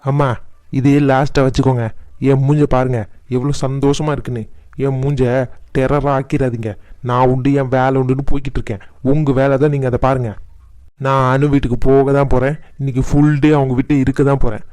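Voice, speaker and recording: A man's voice: medium pitch, little pitch movement, brisk, darkish tone, smooth, dry recording, lightly acted. A man playing a defiant young adult son who complains sarcastically in a Tamil cartoon family drama. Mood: defiant, annoyed.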